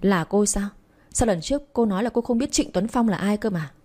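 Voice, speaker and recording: A woman's voice: mid-range voice, fairly quick, dark tone, lightly acted. A woman reading the lines of a clingy, jealous young woman in a spoken romance story, demanding and pleading.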